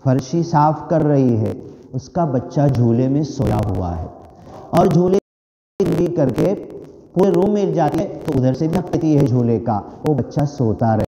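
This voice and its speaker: A slow, earnest man's voice delivering a devotional sermon, high-pitched and mellow. He repeats his phrases with growing fervour. The sound is dull, with the long reverb of a large hall. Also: lively intonation. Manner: earnest, repetitive, fervent. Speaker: preacher. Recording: dull, echoey hall recording.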